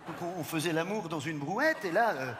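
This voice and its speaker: A man performing a stand-up comedy bit with rapid, crude storytelling. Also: fairly high pitch, animated, noisy background. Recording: roomy hall, heard from afar.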